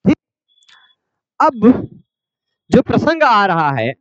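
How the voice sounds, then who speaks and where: Slow, high-voiced Sanskrit grammar teacher. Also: male voice, sing-song, no echo. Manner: explains step by step, asks questions then answers them. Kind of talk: classroom grammar lecture. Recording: dull lo-fi sound.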